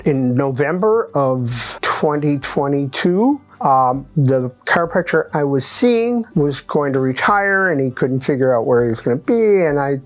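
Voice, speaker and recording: In this testimonial, an eighty-something chiropractic patient speaks in a medium-pitched, expressive voice. His talk is halting and full of restarts, and he lists his points by number.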